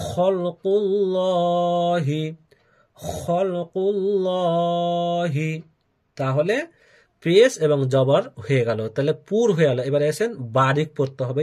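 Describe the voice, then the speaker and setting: A male Quran reading teacher who spells out letters and vowel marks one by one, then recites each word in a drawn-out chant three times. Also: fairly high pitch, a little mellow.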